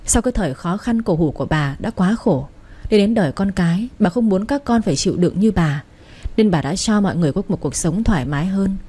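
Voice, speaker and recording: A woman narrating a family drama story in a steady, even-paced reading. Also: mid-range voice, a little fast, husky.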